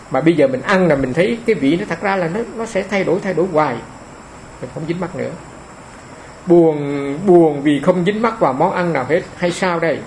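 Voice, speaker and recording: Man, fairly high gravelly voice, homely dharma talk that circles back on its phrases. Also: darkish tone, slight background noise, poor audio. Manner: homely, repeats phrases for emphasis. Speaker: monk giving a dharma talk.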